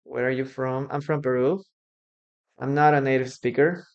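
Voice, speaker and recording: In a muffled recording, an English teacher whose first language is Spanish leads an encouraging live online class. Her medium-pitched voice keeps a fairly even intonation. She speaks slowly and carefully, repeating phrases for the students.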